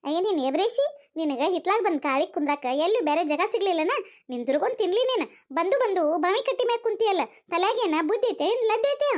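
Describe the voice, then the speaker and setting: A woman's voice: extremely high pitch, expressive, fast talker, darkish tone. A woman voicing a scolding village mother in a cartoon, speaking with a North Karnataka Kannada accent. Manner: nagging, lecturing, rustic. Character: scolding village mother, worried about marrying off daughter. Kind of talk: cartoon voice acting.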